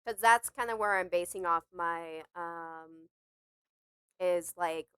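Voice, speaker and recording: A woman player in a tabletop game, chatting casually and thinking out loud with hesitation. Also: lowish voice, takes it slowly, clear, resonant tone, no room sound, clean studio sound.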